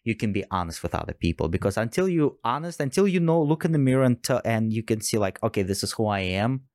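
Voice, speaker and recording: A man's voice: medium pitch, expressive, quick pace, darkish tone, dry recording, studio quality. A man in a casual podcast conversation, speaking earnestly and repeating his key words for emphasis. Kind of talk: casual chat.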